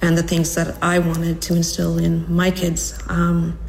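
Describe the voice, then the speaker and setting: A woman's voice: on the low side, monotone, measured pace, creaky, darkish tone, a little hiss or hum, rough recording. A woman from Trinidad in an interview, speaking reflectively with many fillers. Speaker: interviewee, volunteer.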